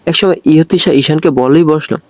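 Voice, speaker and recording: Man narrating a story in a fairly high voice. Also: a little fast, darkish tone, dry recording.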